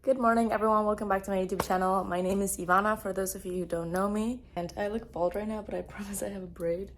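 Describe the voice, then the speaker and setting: A woman's voice: medium pitch, fairly even intonation, fast talker, music in the background. A young woman chatting casually to camera in a vlog, upbeat and full of "like" fillers. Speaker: fitness vlogger. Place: home, then gym.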